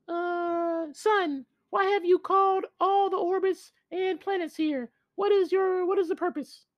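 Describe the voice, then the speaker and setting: A man voicing the spirit of the West, a cosmic power who asks puzzled questions in a high, thin voice. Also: steady tone, measured pace, dry recording, highs cut off.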